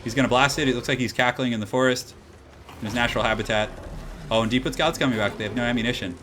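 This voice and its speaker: A man giving excited live commentary on a strategy game tournament, exclaiming and jumping up in pitch, tired late at night. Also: quick pace, a little hiss or hum. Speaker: streamer casting a tournament.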